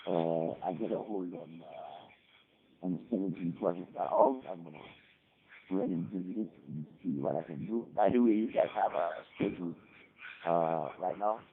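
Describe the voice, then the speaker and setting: A man calling into an amateur radio net over a radio transmission with static and background noise, talking in a hesitant, halting way full of restarts. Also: low voice, vocal fry. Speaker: caller checking in to a radio net. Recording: tinny radio line with faint static.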